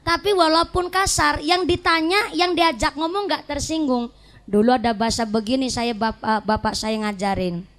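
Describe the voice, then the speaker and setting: A woman's voice: sits high, moderate pace, fairly bright tone. A woman preacher with a Banyumas Javanese accent gives a humorous sermon, telling jokey stories and mixing regional dialect words into her Indonesian. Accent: Banyumas Javanese (Ngapak). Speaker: Islamic preacher.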